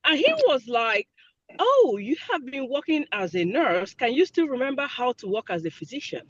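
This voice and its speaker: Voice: high voice, sing-song, normal speed, fairly bright tone. An attendee calling in from a moving car, asking a question hesitantly and searching for words. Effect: phone call from a moving car. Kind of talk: Q&A question on a video call. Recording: dull lo-fi car speakerphone.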